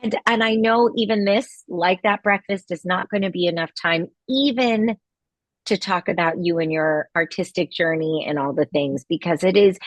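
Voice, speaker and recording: A woman's voice: lowish voice, no echo. A woman hosting an interview over video call, effusive and enthusiastic, often affirming her guest. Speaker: podcast host. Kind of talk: interview conversation.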